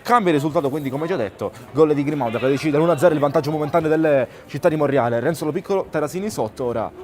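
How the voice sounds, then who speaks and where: A man's voice: a little high, racing, darkish tone. A man giving live play-by-play commentary on a football match. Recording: outdoor stadium crowd noise. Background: crowd at an outdoor ground.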